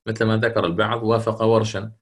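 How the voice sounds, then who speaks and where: A man teaching Quranic recitation rules in a classroom lecture, speaking deliberately and repeating his key points. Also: on the low side, level tone.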